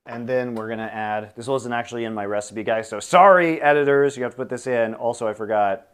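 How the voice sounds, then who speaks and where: A man's voice: fairly low pitch, little pitch movement, fast, a little mellow, clear, resonant tone. A man hosting a casual cooking stream, explaining each step aloud with dry, teasing humor. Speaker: cooking show host.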